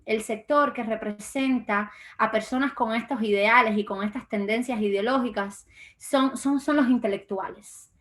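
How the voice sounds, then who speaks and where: A young woman from Cuba, a guest in a political interview, speaking with frequent fillers and restarts. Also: fairly high pitch. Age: young adult. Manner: hesitant, many fillers and restarts. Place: lives in Florida.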